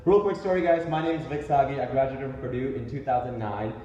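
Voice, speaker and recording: A man in his late twenties giving an animated, joking motivational speech to a crowd at a business event. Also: medium pitch, quick pace, slight background noise. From Indian heritage. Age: late 20s. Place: large indoor event hall. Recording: echoey event hall, dull sound.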